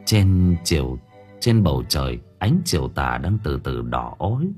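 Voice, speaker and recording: Expressive male narrator, husky, wide-ranging pitch for a story read. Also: a little slow, faint music behind. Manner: lively, expressive. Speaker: audiobook narrator.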